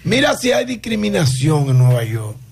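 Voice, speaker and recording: A man's voice: on the high side, sing-song, moderate pace, gravelly, darkish tone, slightly rough. A Dominican man co-hosting a sports radio show, emphatic and indignant as he pushes his points. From Dominican Republic. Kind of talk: heated sports radio banter.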